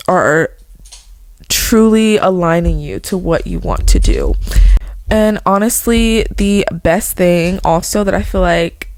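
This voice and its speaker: A woman's voice: lowish voice, a little mellow, no echo. A woman in her twenties chatting casually to her viewers as a vlogger, earnest and rambling, full of "like" and "okay". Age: 20s. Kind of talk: casual motivational chat.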